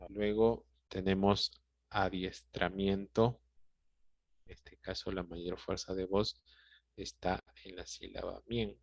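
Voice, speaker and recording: Slow, low-voiced male Spanish teacher. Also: level tone, gravelly, dry recording. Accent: Peruvian Spanish. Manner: patient, explanatory, checks in with "¿ya?" and "¿sí?". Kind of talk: classroom lesson explaining grammar. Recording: dry, dull lo-fi sound.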